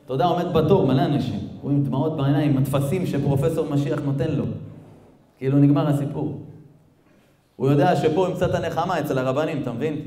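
A man preaching as a rabbi, recounting a story with lively drama and often turning to address his listeners. His voice sits fairly high for a man. The room around him is echoey. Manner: animated, addresses listeners directly.

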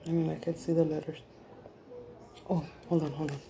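A woman's voice: low voice, little pitch movement, normal speed, warm tone. A middle-aged woman with a Mexican accent, chatting casually to her viewers at home, mixing English and Spanish with crude slang and plenty of laughter. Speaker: vlogger. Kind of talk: casual chat to camera.

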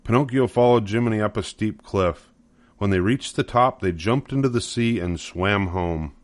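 Reading a children's story as narrator, an older man speaks at a normal pace in a fairly low voice. His storybook phrasing is scripted, and he is recorded close and dry with no room sound.

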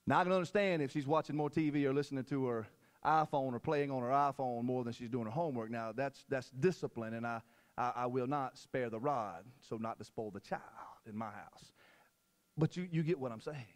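A male preacher giving a sermon at a church service into a handheld mic. He is energetic, jokes with the congregation and repeats his phrases. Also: mid-range voice, fairly quick, big-room sound. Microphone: handheld microphone.

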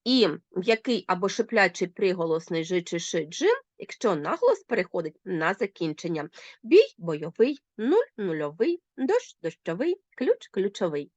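Lively woman teacher, slow dictation. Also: dry recording, lo-fi sound. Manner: slow, deliberate dictation of examples with lively pitch jumps. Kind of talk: recorded language lesson for schoolchildren.

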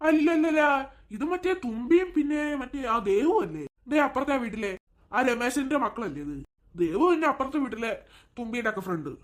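A woman voicing an elderly farm worker in a cartoon, fretting aloud to themself about children in danger. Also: on the high side. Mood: musing. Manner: fretful, talks to self.

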